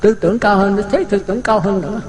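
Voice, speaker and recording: Monk giving an echoey dharma talk. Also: male voice, high-pitched, fast talker, faint music behind. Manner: vivid, rhetorical questions, lively storytelling. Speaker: Buddhist monk teaching. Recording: echoey hall.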